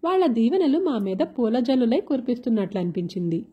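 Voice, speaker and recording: A woman's voice: a little high, very animated, fast, breathy edge. A woman narrating a story expressively in the first person. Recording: dull lo-fi recording.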